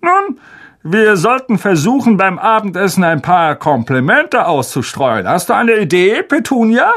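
A pompous, bossy uncle who lays down the law with great self-importance, played by a reader. He speaks slowly and weightily, his voice swooping up and down for effect. A storybook performance. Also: mid-range voice, sing-song, fairly bright tone, full character voice.

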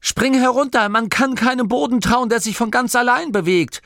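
A man's voice: a little high, big pitch swings, normal speed, darkish tone, husky, no echo, clean studio sound, voice pushed up, heavily acted. A man voicing a wary young male gnome hunter in an audiobook, calling out urgently. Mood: alarmed.

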